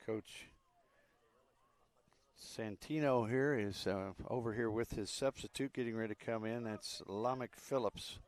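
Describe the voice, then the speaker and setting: A man with a fairly low voice calls a soccer match live. His delivery is relaxed and conversational, with plenty of fillers between the plays. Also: a little slow. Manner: relaxed, chatty, with frequent fillers. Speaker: play-by-play commentator.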